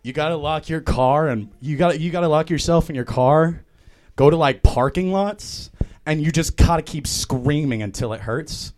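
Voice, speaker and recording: A man's voice: fairly high pitch, normal speed, darkish tone. A young man from Vermont, a band's vocalist, chatting casually as a guest with a slangy, filler-heavy, laid-back way of talking. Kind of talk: casual chat.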